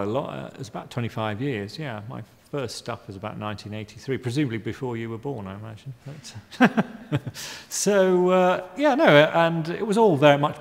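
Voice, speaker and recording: Gravelly, halting man in an echoey gallery. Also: mid-range voice, slight background noise. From Guyana. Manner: halting with many ums and restarts, wry. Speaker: artist interviewee. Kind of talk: hesitant reflective interview answers. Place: art gallery exhibition space. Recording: reverberant room.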